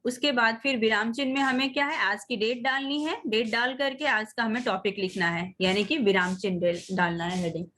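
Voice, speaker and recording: Woman teacher leading a video-call class for young kids; high, patient voice, coaxing pupils by name. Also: fairly even intonation, a bit bright. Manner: slow, drawn-out reading of example sentences; coaxing, addresses children as beta. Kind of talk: online class lesson.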